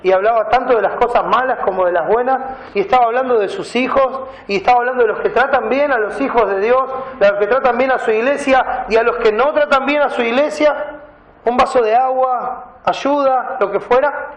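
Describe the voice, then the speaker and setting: A pastor delivers his sermon in a high voice, reading Bible verses and unpacking the words. The sound rings around a reverberant church hall. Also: a little fast. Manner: preaching, reads scripture aloud and explains Greek words.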